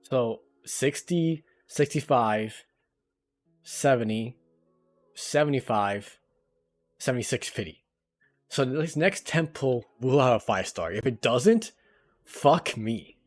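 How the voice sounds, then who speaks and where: A man's voice: medium pitch, expressive, slow, long pauses, faint music behind. A man giving casual, rambling gameplay commentary on a livestream, talking into a headset mic and swearing now and then.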